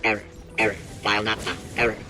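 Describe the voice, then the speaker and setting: An actor playing a malfunctioning robot sphere in a video game, glitching as it repeats words and reports errors and corruption. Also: male voice, on the low side, quick pace, over music, natural voice. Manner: flat, confident recitation of absurd facts. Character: malfunctioning male robot sphere reciting facts.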